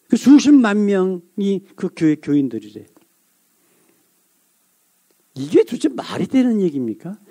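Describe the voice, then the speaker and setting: A male pastor delivering a sermon, asking the congregation rhetorical questions and reading scripture aloud slowly. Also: high voice, warm tone.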